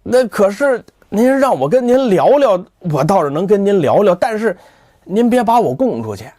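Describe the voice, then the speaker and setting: A jumpy young gossip stammers and begs to be left out of trouble, as a male storyteller puts him on. His voice sits high and swings wildly in pitch. The sound is dry and close. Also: very animated, normal speed, dark tone, dry recording. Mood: nervous pleading. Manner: stammering, fearful pleading.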